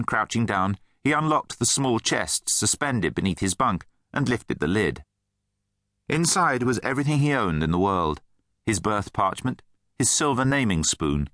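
A man narrating a children's fantasy audiobook in an expressive, animated storytelling manner. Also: on the low side, normal speed, dry recording, clean studio sound.

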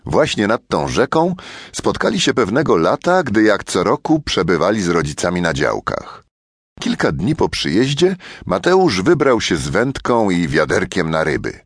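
A man's voice: lowish voice, huge pitch swings, moderate pace, slightly rough, dry recording, clean studio sound. A man narrating a children's audiobook as a storyteller who talks straight to his young listeners.

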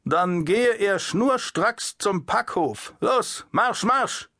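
A man's voice: sits high, lively intonation, very slow, pushed and bright, no echo, clean studio sound, voice pushed up, heavily acted. A man voicing a domineering, suspicious Prussian sentry who barks orders and talks down to people. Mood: commanding. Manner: domineering, condescending, barking orders. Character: overbearing male Prussian sentry, adult, suspicious.

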